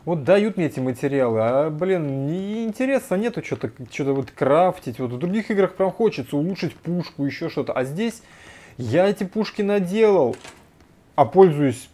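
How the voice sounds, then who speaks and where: A man giving casual gameplay commentary, muttering to himself and breaking into frequent loud swearing. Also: fairly high pitch, lively intonation, moderate pace. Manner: swears often, loud startled outbursts; mutters to himself while playing. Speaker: let's play gamer.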